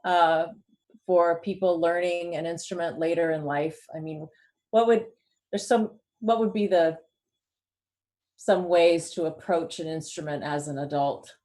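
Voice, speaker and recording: A woman hosting an interview over a video call, speaking hesitantly with frequent pauses and thanks. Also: fairly low pitch, steady tone, warm tone. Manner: hesitant, rambling, appreciative. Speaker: interview host.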